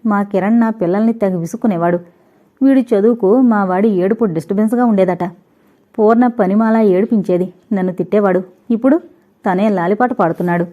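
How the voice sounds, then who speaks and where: A woman voicing a lively, teasing young married woman who chats quickly and playfully. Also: mid-range voice, lightly acted. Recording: tinny, phone-like recording.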